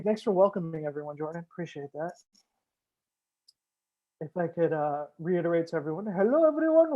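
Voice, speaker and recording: Upbeat high-voiced male sommelier host. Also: darkish tone. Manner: casual, upbeat, chatty with frequent fillers. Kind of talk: live-streamed wine tasting talk.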